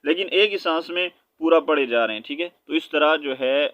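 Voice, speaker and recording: A man teaching Quran recitation letter by letter. He patiently checks in with his listeners and chants the verses slowly. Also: a little high, a bit bright, no echo, lo-fi sound. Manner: patient, checks in with "okay?" after each point; slow drawn-out chanting of verses. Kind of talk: spelled-out recitation lesson.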